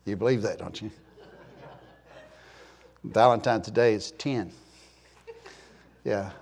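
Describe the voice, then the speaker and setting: This churchman in his sixties speaks in a fairly low, slow, creaky voice with a slightly mellow tone. His sermon rambles in a folksy way as he jokes, tells stories, and chats with the congregation.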